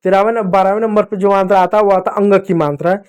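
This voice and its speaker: A man with a notably high voice teaches young children. He is patient and repetitive, drilling each sound and speaking straight to them. The tone is that of an everyday classroom lesson. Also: steady tone, fast, darkish tone, smooth.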